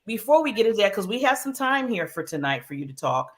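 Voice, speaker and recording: A woman's voice: medium pitch, big pitch swings, quick pace. A woman hosting an interview over a video call, laughing easily and poking fun at herself. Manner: warm-hearted, laughing, self-deprecating. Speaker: show host. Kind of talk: casual interview talk.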